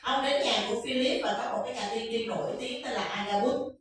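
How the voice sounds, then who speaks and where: A woman interpreting a Bible lecture into Vietnamese, quick and explanatory. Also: fairly high pitch. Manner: quick, explanatory, acts out quotes. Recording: echoey room from far off.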